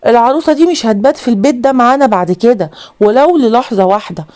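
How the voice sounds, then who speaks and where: Casting: woman reading as a frightened Egyptian mom, quick, warm-toned. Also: fairly high pitch, lightly acted. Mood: anxious. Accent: Egyptian Arabic. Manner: worried, pleading, tearful. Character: anxious, doubting middle-aged mother.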